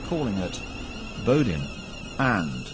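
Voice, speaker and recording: A man's voice giving an automated train station platform announcement, reading station names in a slow, measured way. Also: on the low side, big pitch swings. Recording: announcement over loud train noise. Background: train and vehicle noise.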